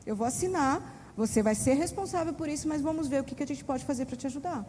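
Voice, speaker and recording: A Brazilian woman speaks earnestly to a church audience, her voice fairly high but mellow and soft-edged. She talks in a confessional, heartfelt way, calling her listeners brothers and sisters. Her words ring out with a long reverb in a large church hall, with a faint background hiss. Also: fast. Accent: Brazilian Portuguese. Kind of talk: church talk to parents.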